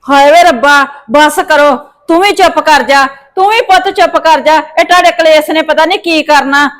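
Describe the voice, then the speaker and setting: Older lady playing a high-voiced grandma in a family drama, wailing and fretting. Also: moderate pace, a bit bright. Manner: wailing, lamenting. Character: distraught grandmother whose grandson is missing. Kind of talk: amateur family drama acting.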